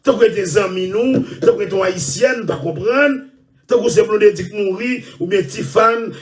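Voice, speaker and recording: A Haitian man hosting his own show, delivering a loud, repetitive rant with frequent shouting and laughter. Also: sits high, distant mic. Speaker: show host. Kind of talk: ranting monologue.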